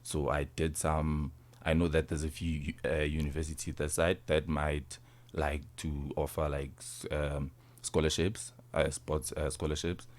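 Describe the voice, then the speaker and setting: A nineteen-year-old rugby player with a South African accent answers interview questions informally, his pitch extremely low and his tone level, a little slow. He often repeats and rephrases himself and tags phrases with "you see."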